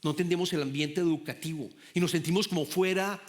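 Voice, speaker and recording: A man's voice: fairly high pitch, fast talker. A middle-aged man preaching a sermon with passion, repeating and restarting words. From Latin America. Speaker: pastor.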